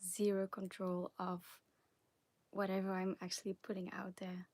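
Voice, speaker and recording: Softly whispering Flemish woman. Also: mid-range voice, completely flat delivery, moderate pace, no echo. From Belgium (Flanders). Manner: soft, partly whispered chat, nervous and giggly. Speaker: ASMR creator. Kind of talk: live stream Q&A. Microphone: phone on a wobbly stand.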